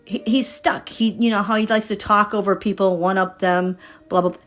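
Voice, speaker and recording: A woman's voice: medium pitch, fairly even intonation, normal speed, soft background music. A woman reading tarot cards in a casual livestream, chatty and meandering as she thinks aloud. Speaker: tarot reader.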